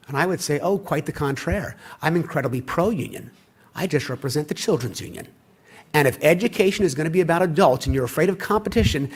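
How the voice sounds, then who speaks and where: A middle-aged man giving a conference keynote, telling stories and acting out quoted dialogue in an animated way. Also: a little high. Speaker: keynote speaker. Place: conference hall.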